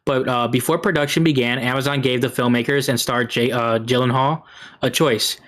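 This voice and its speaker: A man's voice: medium pitch, steady tone, brisk, a bit bright. A man co-hosting a casual movie discussion, hedging and weighing both sides as he talks. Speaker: podcast co-host reviewing movies.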